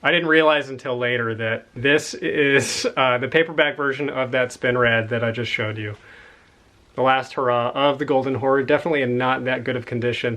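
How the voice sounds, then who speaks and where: With a medium-pitched voice that sounds pushed and bright, a book collector chats casually about his finds. He rambles with enthusiasm and is slightly out of breath.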